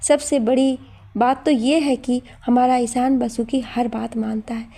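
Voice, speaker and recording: Woman voicing a gentle young housewife. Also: fairly high pitch, flat delivery, unhurried, vocal fry. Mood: affectionate.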